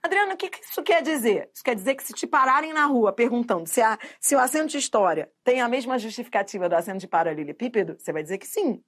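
A middle-aged Brazilian woman teaching grammar for exams, quizzing listeners with repeated questions and drawing out key terms slowly. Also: on the high side, expressive. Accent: Brazilian Portuguese. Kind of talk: exam-prep grammar lesson.

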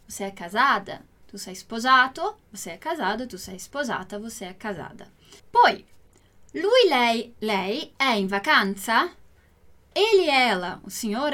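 A woman who grew up in Italy, giving a patient language lesson as a teacher and slowly spelling out example phrases. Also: fairly high pitch, a bit bright. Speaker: Italian teacher.

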